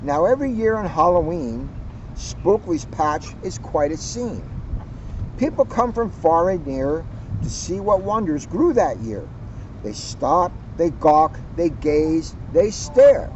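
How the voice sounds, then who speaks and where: A man who works as a police officer reads to children and chats informally, with expressive, deliberate storytelling and drawn-out phrase endings. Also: a little high. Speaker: police officer reading to children in a community video series. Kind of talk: picture-book read-aloud with informal chat. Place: outdoors at a garden center. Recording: dull, noisy outdoor audio.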